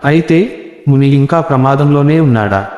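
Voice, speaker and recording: A man's voice: mid-range voice, moderate pace, close to an everyday voice. A man voicing a terrified young man who cries out in panic. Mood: panicked. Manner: panicked, shouting. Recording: roomy echo with long reverb.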